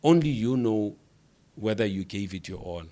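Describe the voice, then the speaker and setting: A middle-aged man from South Africa with a South African accent, a podcast guest speaking in a measured, reflective way who drives points home by repeating phrases. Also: on the low side, lively intonation, warm tone. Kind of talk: reflective interview talk.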